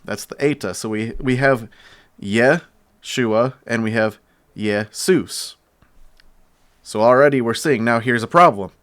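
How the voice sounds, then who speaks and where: Slow, clear-voiced man teaching. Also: mid-range voice, fairly bright tone. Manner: slow, explanatory, pauses while writing. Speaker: church teacher. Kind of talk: whiteboard bible lesson.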